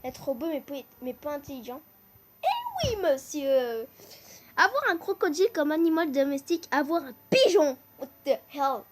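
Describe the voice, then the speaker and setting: A gaming-channel host reads would-you-rather choices casually in a high voice, fairly quick with hardly any pauses, erupting into excited shouts and repeating a teasing catchphrase. A little hiss or hum is audible.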